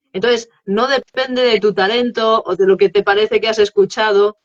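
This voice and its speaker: A woman's voice: medium pitch, muffled recording. A woman, a guest expert on English teaching, explaining her method in a live interview and checking in often with tag questions.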